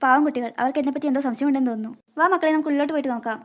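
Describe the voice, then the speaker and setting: A woman voicing a snake queen in human form in a cartoon, gentle and motherly toward children while keeping her secret. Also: high voice, very fast, lightly acted. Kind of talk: cartoon voice acting.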